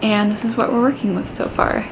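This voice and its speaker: A woman's voice: a little high, fairly even intonation, brisk, noisy background. A woman chatting casually and informally to her viewers as a vlogger. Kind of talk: casual vlog chat to viewers.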